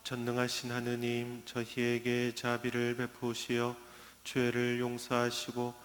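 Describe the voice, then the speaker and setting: Solemn priest, monotone, in cathedral echo. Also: male voice, mid-range voice, measured pace, slight background noise. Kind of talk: solemn liturgical prayer, partly intoned. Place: large echoing church. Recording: echoey church with long reverb.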